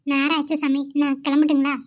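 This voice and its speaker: A woman's voice: high voice, completely flat delivery, fast, muffled recording, lightly acted. A young woman voicing a caring, polite young woman in a cartoon who looks after children and soothes others. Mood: gentle. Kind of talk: cartoon voice acting.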